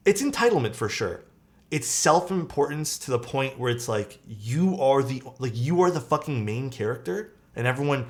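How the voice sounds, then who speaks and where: A man in his thirties chatting casually on a livestream, venting and rambling with many fillers and some swearing. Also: medium pitch. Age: 30s. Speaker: keyboard-building streamer. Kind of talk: casual livestream chat reading viewer comments.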